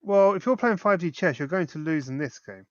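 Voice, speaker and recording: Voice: mid-range voice, expressive, fairly quick, no room sound, dull audio. Dry, teasing voice-chat gamer. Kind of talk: casual voice chat while gaming.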